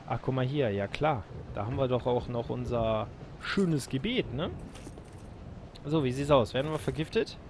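A man giving casual let's play commentary, excitable, with loud exclamations and talking to his viewers. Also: medium pitch, noisy background.

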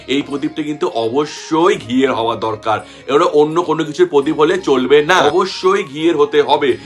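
A man hosting a ritual-advice channel, giving repetitive, emphatic step-by-step instructions to viewers. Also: a little high.

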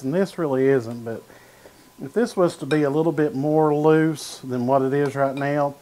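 This cooking show is hosted by a man in his thirties who demonstrates a recipe easygoingly in an indoor home-style studio kitchen, talking as he stirs and slices and often saying "uh" and "gonna". He has a mid-range, darkish voice, and the recording quality is low.

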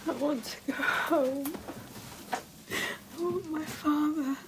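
A woman's voice: high voice, fairly even intonation, slow pace, background noise. An actress playing a miserable young sick woman, weak and plaintive, in a television science fiction drama.

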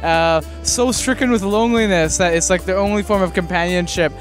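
Male interviewer, brisk high voice, earnest deadpan, handheld mic on a convention floor. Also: faint music behind. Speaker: comedy interviewer. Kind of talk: mock-serious interview questions. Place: convention hall.

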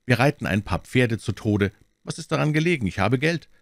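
A man's voice: medium pitch, no room sound, voice pushed up, lightly acted. A man doing a bold, impetuous young swordsman. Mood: confident. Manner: confident, urging, quickly excited.

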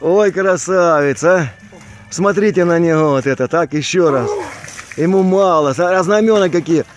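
A man's voice: fairly high pitch, normal speed, soft background music. A man with a Ukrainian accent giving casual, teasing home-video commentary, repeating himself, drawling exclamations and tacking on questions. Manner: repetitive, drawling exclamations with frequent tag questions. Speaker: man filming and commenting on a backyard gathering. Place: outdoors in a grassy backyard. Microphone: handheld phone camera, behind it.

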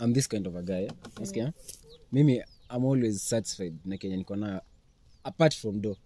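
A man's voice: on the low side, brisk, noisy background. A man in his twenties with a Kenyan accent, hosting a casual street interview in a teasing, probing, slangy way. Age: 20s. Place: outdoors beside a car and hedge.

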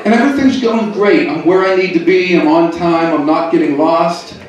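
Stand-up comic from the Pittsburgh area, deadpan punchlines, higher voice, caught far off in a reverberant club. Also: male voice, moderate pace, heavy background noise. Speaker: stand-up comedian. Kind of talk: stand-up comedy set. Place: comedy club in a hotel. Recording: echoey club heard from far off.

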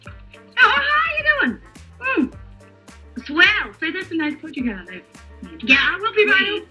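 A flirtatious 1930s phone gossip, all breezy mumbled asides. Her high voice swoops wildly and rings bright and sharp, with film music underneath. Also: very animated, normal speed, full character voice. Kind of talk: 1930s talkie film acting.

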